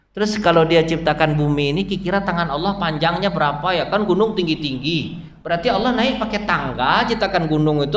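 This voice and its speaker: A man's voice: sits high, fairly bright tone. A man, giving a conversational dawn study lecture in a mosque, constantly quizzing his listeners and using homely, humorous examples. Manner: chatty, quizzes the audience with constant questions. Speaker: Islamic preacher. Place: mosque hall. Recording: echoey mosque hall, faint background noise.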